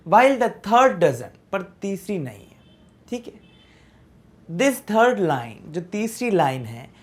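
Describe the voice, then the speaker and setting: This is a woman teaching a poem lesson, her voice sitting low and her delivery slow and deliberate. She reads text, then breaks it down in Hindi, checking in with students again and again. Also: darkish tone. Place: classroom-style video lesson.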